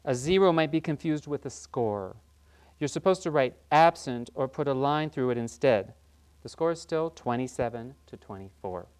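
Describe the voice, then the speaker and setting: Performer doing a game show host, upbeat, brisk, animated pitch, announcing scores. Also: smooth, natural voice. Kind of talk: scripted game show parody.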